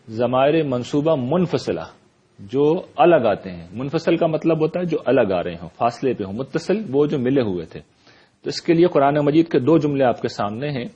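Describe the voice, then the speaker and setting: A man teaching an Arabic grammar lesson, explaining step by step and reciting verb forms and verses slowly. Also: medium pitch, warm tone, husky, highs cut off. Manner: checks in with "right?". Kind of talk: classroom lecture.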